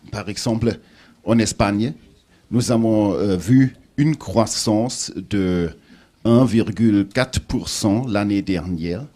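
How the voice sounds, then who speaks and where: A man with a German accent addresses a panel in broken French. His voice sits on the low side and moves very slowly, with frequent hesitations as he searches for words and trips over grammar. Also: a little mellow. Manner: halting, broken non-native French with grammatical slips and many hesitations. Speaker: panel speaker, international official. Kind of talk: prepared remarks at a panel discussion.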